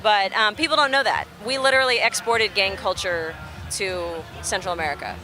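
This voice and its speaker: A young woman from Texas, a musician being interviewed outdoors, telling stories in an animated, chatty way and laughing easily. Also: mid-range voice, fairly quick, slight background noise. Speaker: musician guest. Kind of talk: casual interview chat. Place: outdoors at a festival near traffic.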